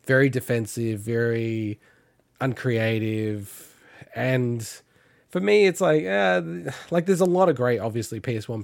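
A man's voice: mid-range voice, no room sound, studio quality. An Australian man giving his opinionated take in a casual gaming chat. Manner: opinionated, animated rant. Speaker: podcast co-host.

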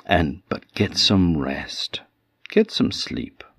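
A man voicing a calm, soothing magic doll. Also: sits low, slow pace, husky, no echo, clean studio sound, heavily acted. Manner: gentle, reassuring, quiet.

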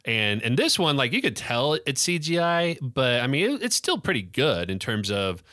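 A man co-hosting a podcast in casual chat, chatty and quick to laugh. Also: medium pitch, dry recording, clean studio sound. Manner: laughs often, animated and chatty. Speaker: podcast co-host.

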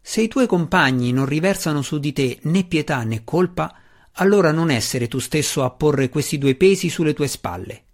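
A man voicing an earnest, wry dark elf warrior, speaking in a pressing, slightly raised voice. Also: on the high side, animated, moderate pace.

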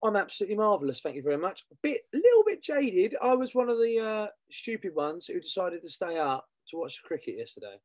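A man's voice: high-pitched, wildly swooping pitch, fast, few pauses, a little mellow, dry recording. A man co-hosting casual football chat in a chatty, bantering, colloquial way. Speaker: podcast co-host.

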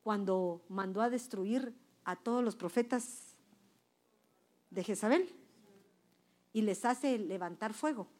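A woman's voice: mid-range voice, takes it slowly, pauses often. A woman preaching a sermon to a women's church group, emphatic and quizzing her listeners with questions. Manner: emphatic, swings between loud and soft.

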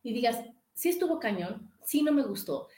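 A woman with a Mexican accent hosting a talk show and giving therapeutic advice in a lively, chatty way, often repeating herself and asking "¿no?". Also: on the high side, moderate pace, echoey room. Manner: warm, lively, repeats phrases and asks "¿no?". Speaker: radio show host and therapist.

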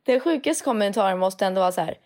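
A young woman in casual chat who tells animated stories and switches between Swedish and English. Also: mid-range voice.

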